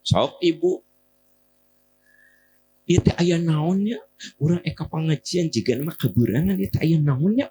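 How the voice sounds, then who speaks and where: A man's voice: fairly high pitch, unhurried, voice pushed up, close to an everyday voice. A man with a Sundanese accent voicing a middle-aged wife who grumbles over and over about being stuck in traffic. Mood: fretful. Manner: agitated, repetitive grumbling.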